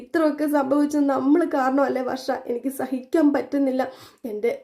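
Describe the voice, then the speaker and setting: Woman reading a distraught young husband, sobbing and self-blaming, quick and mellow. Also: sits high, steady tone, voice pushed up. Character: grieving young man crying to his wife.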